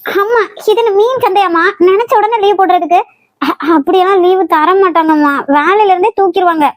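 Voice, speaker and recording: A woman's voice: very high voice, brisk, dry recording. A woman voicing a headstrong young working daughter in a cartoon, curt and stubborn, with a Kanyakumari Tamil accent. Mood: exasperated. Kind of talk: cartoon voice acting.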